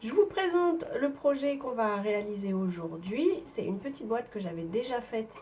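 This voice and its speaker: This northern French woman shows papercraft at her table, talking as she goes in a somewhat high, lively voice with a darkish tone at a moderate pace. She's stuffy with a cold, and her casual, chatty explanations keep stumbling over fillers and hesitations. A low background noise runs throughout.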